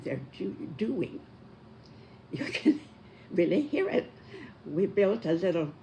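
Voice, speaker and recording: A very old person in their nineties giving a prepared talk in a deliberate, emphatic elderly manner. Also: mid-range voice, darkish tone, slight background noise. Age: 90s.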